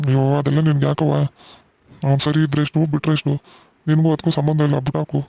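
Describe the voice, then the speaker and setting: A man voicing a gentle middle-aged village father in a cartoon, soothing and reassuring his daughter. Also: a little high, completely flat delivery, quick pace, creaky, no echo. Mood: comforting. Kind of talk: cartoon voice acting.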